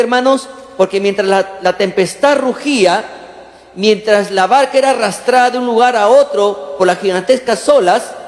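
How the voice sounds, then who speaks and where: A man preaches as pastor, his fairly high voice lively and full of questions thrown to the congregation. He acts out the lines he quotes. The church hall around him is roomy, with a long reverb trailing each phrase. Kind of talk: sermon.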